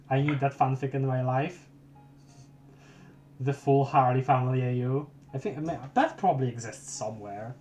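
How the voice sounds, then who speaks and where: A young man with a mid-range, darkish voice live-reads a webcomic aloud on stream. He speaks unhurriedly and pauses often, rambling and stammering as he chats with his viewers.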